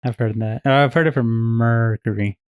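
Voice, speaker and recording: A man co-hosting a casual podcast, with a middle-pitched voice. He talks bluntly and swears heavily, without holding back. The recording is dry and close. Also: moderate pace, dry recording, phone-quality sound. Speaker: podcast co-host. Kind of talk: casual chat.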